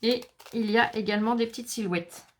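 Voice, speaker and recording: A woman's voice: a little high, a little fast. A French woman chatting casually to viewers as she unboxes craft supplies, enthusiastic and talkative. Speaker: craft vlogger.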